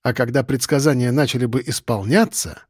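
A man's voice: medium pitch, fairly quick, a little mellow, husky, dry recording, studio quality. A man reading a first-person audiobook in a musing, conversational way. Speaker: narrator. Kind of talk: audiobook narration.

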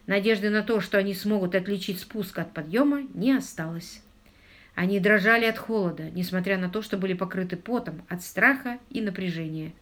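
A woman narrating a novel in a dramatic, expressive reading voice. Her pitch sits in the middle and rises with tension at the suspenseful moments. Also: a little fast. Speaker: audiobook narrator. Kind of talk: audiobook reading.

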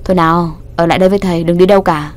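A woman's voice: fairly low pitch, fairly even intonation, racing, natural voice. A woman voicing a teasing, domineering young male teacher in a storybook reading, smug one moment and strict the next. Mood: coaxing. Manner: smug and teasing, then stern.

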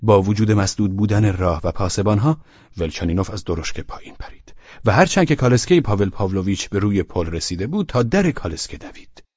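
A man narrating a literary audiobook in a measured, steady reading voice. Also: on the low side, slightly rough, dry recording, highs cut off.

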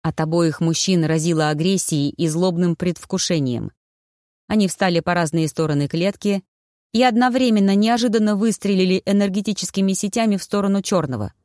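An audiobook narrator reading a fantasy story in a steady, even storytelling manner. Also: medium pitch, dry recording, clean studio sound. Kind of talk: scripted narration.

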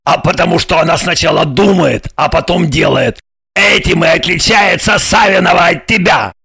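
A woman voicing a gruff, exasperated male intelligence officer in an audiobook, scolding and scornful in tone. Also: fairly low pitch, moderate pace, a bit bright, raised voice, faint music behind, exaggerated voice. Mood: indignant. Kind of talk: audiobook character voice.

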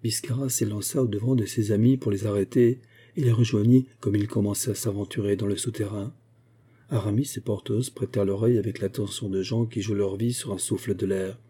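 A man reading a classic novel aloud in an even, measured storytelling way. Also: lowish voice, husky. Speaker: audiobook narrator.

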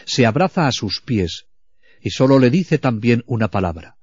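A man delivers a slow, reflective sermon at a spiritual retreat, frequently dropping to a hushed voice, yet he is very animated. His pitch is ordinary with a breathy edge. The sound is dull, lo-fi, dry and close, without echo.

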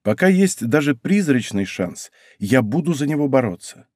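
A man's voice: mid-range voice, sing-song, normal speed, darkish tone, no room sound, clean studio sound. A man voicing a persistent, curious young woman who talks in a determined way. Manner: pushy, determined.

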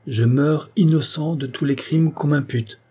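A man reading an audiobook voices a proud, condemned king who speaks in a commanding, defiant tone and rises to shouts. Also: mid-range voice, steady tone, moderate pace, breathy edge, natural voice. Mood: solemn. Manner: masterful, defiant, rising to shouts.

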